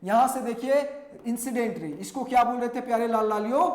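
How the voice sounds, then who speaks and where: Male physics teacher, very high voice, call-and-response lecturing, echoey room. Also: steady tone. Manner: asks and answers his own questions, repeats key terms; mixes English technical phrases into Hindi, read out slowly. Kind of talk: classroom lecture.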